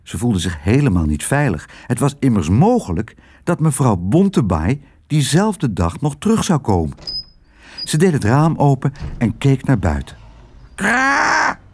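A man's voice: mid-range voice, moderate pace, slightly rough. A man narrating a children's audiobook, telling it expressively. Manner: expressive storytelling.

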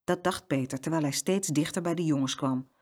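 A woman reading a children's story aloud as narrator, with expressive storytelling. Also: deep voice, a little fast.

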